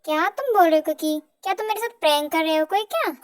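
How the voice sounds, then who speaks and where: A woman's voice: very high-pitched, animated, quick pace. A woman voicing a spurned, scheming young girlfriend who speaks sharply and scornfully, in an amateur fan audio drama.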